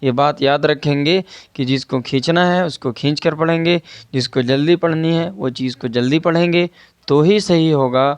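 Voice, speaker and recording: A man's voice: fairly high pitch, normal speed, clean tone, no room sound. A man teaching an online Quran reading lesson, patiently repeating and stretching out syllables and asking his students rhetorical questions.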